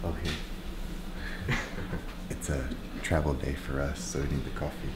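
A man's voice: a bass voice, fairly even intonation, unhurried, heavy background noise. A man in his thirties chatting casually as a vlogger, talking into a handheld camera. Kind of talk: casual vlog chat. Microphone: handheld vlog camera at arm's length. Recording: music over the voice.

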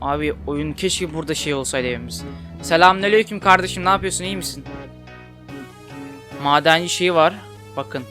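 A young man giving casual commentary while playing a game, chatty and quick to get frustrated and swear at it. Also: a little high, music in the background. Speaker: gaming YouTuber. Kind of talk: casual Let's Play commentary.

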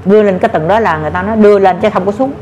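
A woman gives spiritual advice in a casual talk, calmly reassuring her listeners and repeating her points in a homely way. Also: medium pitch, rapid-fire, dull audio, noisy background. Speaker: spiritual adviser.

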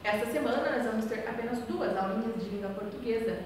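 A woman's voice: on the high side, fast, a little mellow. A woman teacher giving a recorded class. She asks herself questions on the students' behalf, answers them, and spells out and repeats the key points. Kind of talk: recorded remote class lesson. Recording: echoey hall, voice far from mic, faint noise.

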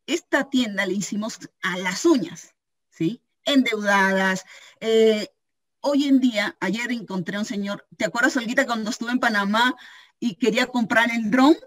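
Animated storytelling woman, higher voice. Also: normal speed. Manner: animated storytelling, acting out quoted voices, frequent "¿sí?" check-ins. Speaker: cooperative store member giving a training talk. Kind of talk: informal training talk with anecdotes.

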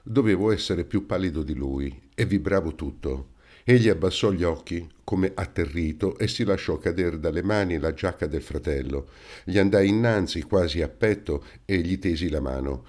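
A man narrating an audiobook in the first person, in a measured, dramatic reading. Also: deep voice, darkish tone. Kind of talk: scripted narration.

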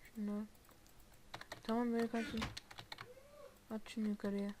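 High-voiced frustrated woman gamer. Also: level tone, moderate pace, dark tone. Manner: frustrated, complaining, exclaiming. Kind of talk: live gameplay commentary. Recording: noisy home mic with keyboard clicks. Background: keyboard clicks.

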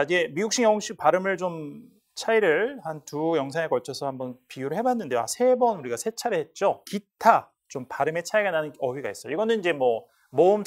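A man teaching an English test class in a lecture style, repeating words aloud to model how they are said. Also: fairly high pitch. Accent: Korean. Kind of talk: lecture explaining listening questions.

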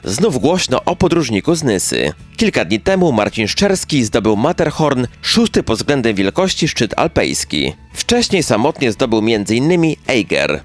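A man's voice: medium pitch, very animated, normal speed. A man reading a scripted local news narration in speech, as a chronicle announcer. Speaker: newsreel narrator. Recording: music bed behind the voice.

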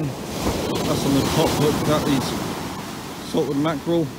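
A man giving a casual, down-to-earth running commentary as he fishes from an open beach, filming on a phone he holds himself, with dry little grumbles along the way. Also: on the high side. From England. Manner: chatty, down-to-earth, matter-of-fact with dry grumbles. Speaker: angler filming his own fishing trip. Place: open beach by the sea, outdoors. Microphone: phone camera held by the speaker. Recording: outdoor phone recording with wave noise. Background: surf and wind.

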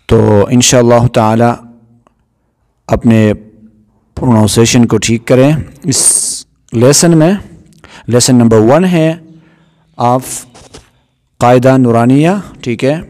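A man teaching Quran reading, explaining Arabic letters step by step, mixing English words into his instruction and often checking in with "theek hai". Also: mellow. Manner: chants the letters in a high, drawn-out recitation voice. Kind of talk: Urdu lesson on Arabic letters.

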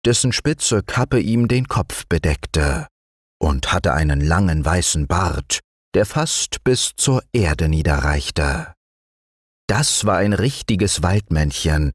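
A man reading a fairy tale aloud as a gentle, expressive bedtime story narrator. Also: deep voice, no room sound, clean studio sound. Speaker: audiobook reader.

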